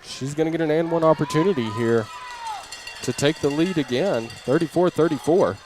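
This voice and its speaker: A man with a fairly high, slightly mellow voice calls live basketball play-by-play at a moderate pace, radio style, tracking each move in clipped running phrases. He's in an indoor gym mid-game, with crowd noise and a bouncing ball behind him.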